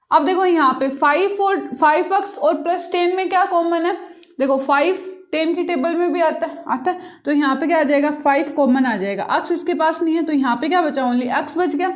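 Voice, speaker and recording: A woman maths teacher, teaching a class at the board. She keeps asking the class questions and answering them herself. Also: sits high. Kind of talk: classroom lesson explaining problems.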